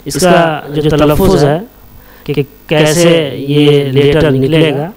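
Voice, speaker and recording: A man's voice: on the high side, little pitch movement, a crowd in the background. Man teaching letters in a patient chant. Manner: patient, repetitive, spells each letter in a chanting cadence. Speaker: Arabic teacher. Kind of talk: slow recited lesson, drilling letter sounds.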